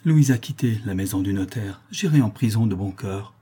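A man's voice: on the low side, lively intonation, moderate pace, warm tone, breathy edge. A man voicing an anguished haggard father. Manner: anguished, despairing cries. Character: poor distraught male artisan, haggard father.

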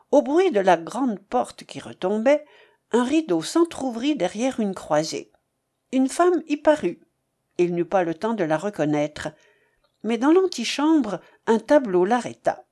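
A woman reading a classic novel aloud as an audiobook narrator, in a measured, expressive way. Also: mid-range voice. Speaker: audiobook reader.

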